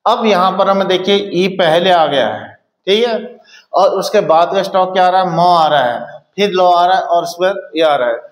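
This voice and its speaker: A man teaching a shorthand lesson in speech, explaining step by step and often pausing to check understanding. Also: sits high, reverberant. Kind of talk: classroom lesson.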